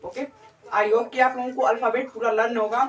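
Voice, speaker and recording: A woman's voice: on the high side, level tone, brisk, dull audio. A woman teaching in a lesson style, asking the class questions and then answering them herself. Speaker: English teacher. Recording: roomy, mic far from speaker.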